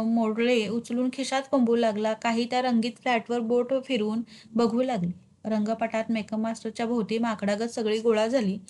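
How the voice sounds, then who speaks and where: A woman narrates a village story with lively, expressive delivery. Her voice sits a little higher than most.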